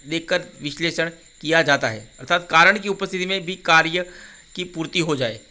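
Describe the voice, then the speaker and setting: A man teaching a grammar quiz lesson. He recites verse examples slowly, then explains each one plainly. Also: a little high, bright, forceful tone.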